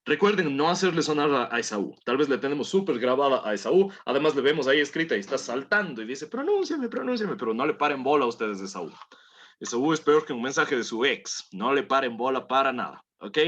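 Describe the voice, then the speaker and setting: A man's voice: mid-range voice, lively intonation, fairly quick, a bit bright. A man teaching a language class, patiently coaxing students through pronunciation drills and repeating words for them to copy. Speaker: English teacher.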